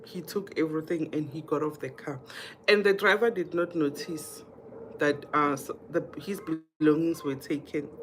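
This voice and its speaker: This clip is low quality, with slight background noise behind a deep female voice at normal speed. The speaker, a South African-accented livestream host from Mpumalanga, talks directly to viewers in a casual way, reading comments, telling stories and saying things more than once.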